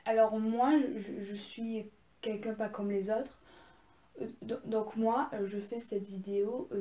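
A woman's voice: medium pitch, mellow, echoey room, a little hiss or hum. A young woman casually showing her presents, chatty and gushing, with many fillers and restarts. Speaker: vlogger. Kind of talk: casual haul video.

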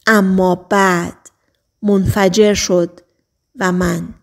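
A woman's voice: medium pitch, flat delivery, gravelly. Woman reading a novel aloud. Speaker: audiobook narrator. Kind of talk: scripted narration.

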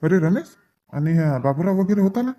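A man playing villagers in a comedy sketch, excitable and loud. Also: sits high, a little fast. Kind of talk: acted rural comedy sketch.

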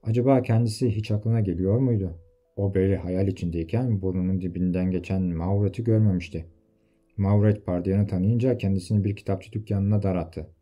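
Deep, dark-voiced male storyteller. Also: fairly quick, dull audio. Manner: steady storytelling. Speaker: audiobook reader. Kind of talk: scripted novel narration.

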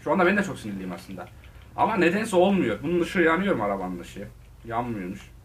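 A man giving casual, excitable commentary on his gameplay, talking straight to his viewers and shouting at the game. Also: medium pitch, fast talker, distant mic, slight background noise. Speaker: gaming video host.

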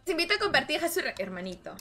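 Bright high-voiced streamer woman. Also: sing-song, rapid-fire, soft background music. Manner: chatty, teasing, calls viewers "hermano". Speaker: gaming livestreamer. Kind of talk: casual live-stream chat with viewers. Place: home room with her cat nearby.

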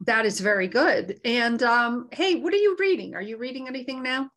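A woman's voice: fairly high pitch, animated, normal speed, fairly bright tone. Easygoing woman podcast co-host. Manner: friendly, easygoing, asks questions. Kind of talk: casual podcast chat.

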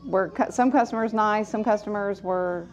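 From inside one of her laundromats, the owner casually vlogs and explains things to the camera step by step in a chatty manner. Her voice is mid-range and moderately paced, though the recording sounds muffled.

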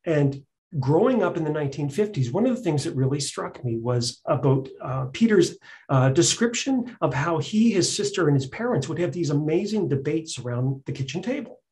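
A man's voice: on the high side, expressive, normal speed, darkish tone. A man hosting a live onstage interview, talking conversationally with frequent fillers and restarts. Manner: conversational, hesitant, many fillers. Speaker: event host and interviewer.

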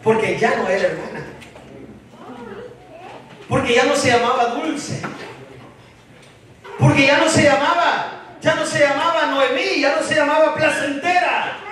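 A man from El Salvador preaching a fiery sermon as pastor, shouting and calling on the congregation to answer. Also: extremely high pitch, unhurried, long pauses, distant mic, slight background noise. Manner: preaches with shouted calls and call-and-response. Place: large church hall. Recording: echoey hall, mic from afar, congregation.

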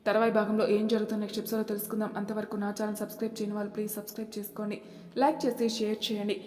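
A woman narrating a family audiobook story as storyteller, brisk and matter-of-fact. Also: mid-range voice, completely flat delivery, a little mellow. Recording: echoey reverberant room.

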